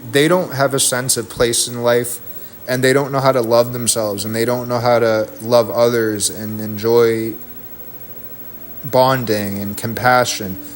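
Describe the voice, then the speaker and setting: Brief: male streamer, mid-pitched voice, angry profane rant, faint room noise behind. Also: little pitch movement, measured pace. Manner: heated, profane, rambling rant. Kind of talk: ranting stream talk.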